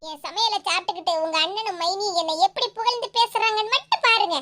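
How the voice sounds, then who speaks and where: A woman doing a squeaky, cheeky young wife. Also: quick pace. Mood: playful. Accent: Kanyakumari Tamil. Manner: loud, cheeky, playful.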